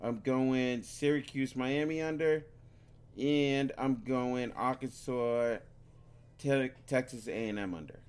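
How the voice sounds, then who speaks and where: A man's voice: mid-range voice, fairly even intonation, slow pace, darkish tone, clean tone. A man co-hosting a casual sports podcast, rambling and stumbling over words while drifting on and off the mic. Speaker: podcast co-host. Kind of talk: casual sports picks chat.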